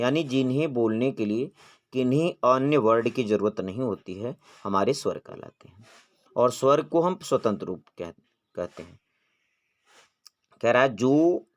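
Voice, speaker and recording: Teaching grammar for an exam, a man with a mid-range voice asks and answers his own questions. Whenever he demonstrates vowels, he stretches them out.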